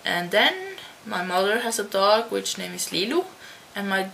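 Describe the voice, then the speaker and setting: This teen vlogger from the Netherlands chats to her webcam at home for a tag video, slowly and haltingly with plenty of restarts. She has a medium-pitched, gravelly voice that sounds pushed and bright, and a computer fan hums faintly nearby.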